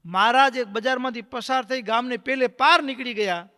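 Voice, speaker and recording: Preacher, high voice, dramatic storytelling sermon, hall echo. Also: male voice, normal speed, sharp tone. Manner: dramatic, acts out the characters' voices.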